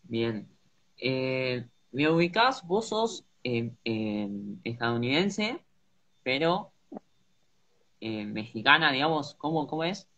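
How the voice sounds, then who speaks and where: A man's voice: mid-range voice, very animated, slow pace, bright, forceful tone. A young man, interviewing a guest on a video call from a room at home, hesitant with many fillers. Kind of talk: casual interview questions. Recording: muffled video call audio.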